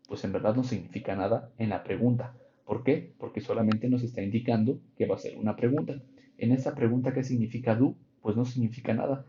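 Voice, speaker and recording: A man's voice: mid-range voice, warm tone. A man teaching English grammar in an online class, patiently explaining and checking in with his students. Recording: dull lo-fi online class audio.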